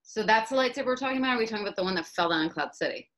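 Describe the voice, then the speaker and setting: A woman's voice: fairly high pitch, lively intonation, racing, fairly bright tone. A woman co-hosting a casual film-discussion podcast, playful and full of questions. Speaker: podcast co-host.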